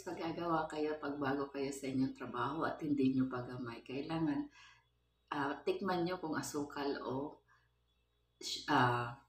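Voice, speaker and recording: A woman's voice: rumbling low, a little mellow, roomy sound, slight background noise. A middle-aged woman chatting casually in a home vlog, laughing often and mixing English into her Tagalog, filmed on a phone on a stand in her kitchen. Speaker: vlogger, household helper.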